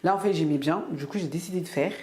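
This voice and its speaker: A woman's voice: sits low, quick pace, a little mellow. A woman from France chatting casually to camera in her weekly vlog, rambling with many fillers and restarts. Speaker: vlogger.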